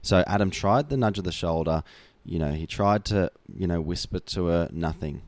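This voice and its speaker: A man's voice: sits low, normal speed, a little mellow, no room sound. A man co-hosting a casual chat show, telling stories and quizzing his co-host. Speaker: podcast co-host.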